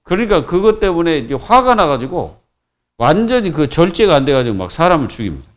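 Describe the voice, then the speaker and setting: A man's voice: fairly high pitch, very animated, fairly quick. A man preaching a Friday sermon as pastor, in a colloquial, repetitive way with many fillers. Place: church.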